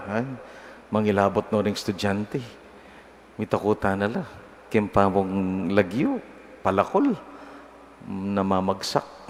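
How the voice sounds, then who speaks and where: A middle-aged male priest from the Philippines giving a homily at Mass in a conversational, teasing way, chuckling at his own examples. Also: on the low side. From Pampanga, Philippines. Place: large church. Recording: long church reverb, faint noise.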